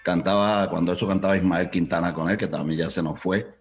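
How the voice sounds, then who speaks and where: Deep-voiced man telling a story. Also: fairly quick, faint music behind. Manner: animated storyteller, acts out voices, mixes Spanish and English. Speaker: salsa event promoter. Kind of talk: storytelling interview.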